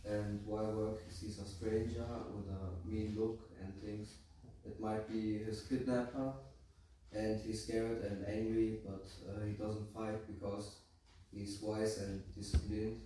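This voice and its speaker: A man's voice: fairly low pitch, mellow. A young teenage male pupil hesitantly reciting a story at school. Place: school room. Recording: very echoey room, distant mic, faint noise.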